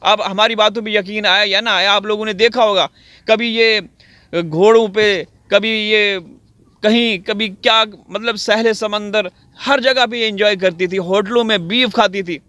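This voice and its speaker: Man from Pakistan, high bright voice, sarcastic theatrical commentator talking straight to his viewers. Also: steady tone, measured pace, no echo. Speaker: video commentator. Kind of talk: mocking commentary. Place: outdoors on wet farmland.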